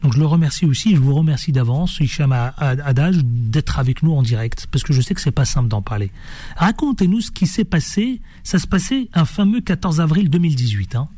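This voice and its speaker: A man hosting a radio show, talking in a playful, animated way and jumping from topic to topic. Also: a little high, brisk, no room sound. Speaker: radio host. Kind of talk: lively radio show chat. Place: radio studio.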